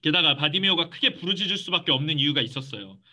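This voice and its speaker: A man preaching a youth sermon in a church, lively and acting out quoted voices. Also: on the high side, fast. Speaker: youth pastor.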